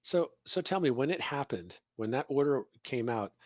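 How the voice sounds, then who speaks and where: A man's voice: medium pitch, expressive, normal speed, no echo. A middle-aged man chatting casually on a podcast with his daughter, reflective and rambling, often repeating words. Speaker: podcast co-host. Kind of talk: casual chat. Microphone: video call.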